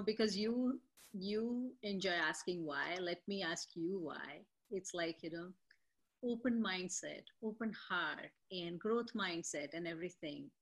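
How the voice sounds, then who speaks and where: A woman's voice: fairly low pitch, fairly bright tone. A woman hosting an interview podcast, chatting in a conversational way and often saying "you know". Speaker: host.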